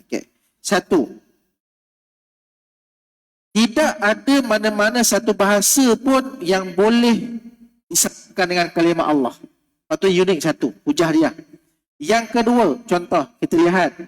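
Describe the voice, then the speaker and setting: A man's voice: high voice, a little slow, long pauses. A man with a Malaysian Malay accent giving a religious lecture, explaining step by step, repeating key words and checking in with his listeners. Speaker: religious teacher. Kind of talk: mosque lecture. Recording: long hall reverb.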